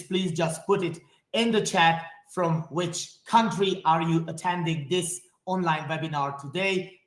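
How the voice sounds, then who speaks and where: A native Hungarian speaker from Hungary, with a Hungarian accent, gives an enthusiastic and friendly online webinar presentation, talking directly to his audience. His voice is high and fairly bright, with reverberation in the sound.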